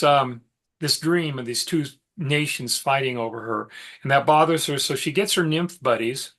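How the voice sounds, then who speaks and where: A middle-aged man teaching a mythology class, telling the story in a relaxed, conversational way with fillers and side remarks. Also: medium pitch. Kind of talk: informal lecture storytelling.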